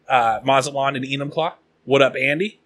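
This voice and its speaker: Guy in his late 30s from the pacific northwest, podcast host, rambly and chatty, kinda bright voice. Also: medium pitch, fairly even intonation, a little fast, slight background noise. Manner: chatty, rambling, reads shout-outs. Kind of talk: casual podcast chat.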